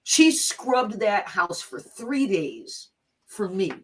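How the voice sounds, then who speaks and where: A middle-aged woman from Los Angeles with an American accent, telling personal stories in candid chat, blunt and animated, swearing freely and acting out quotes. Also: medium pitch, takes it slowly, slightly rough. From Los Angeles, USA. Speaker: guest teacher telling stories.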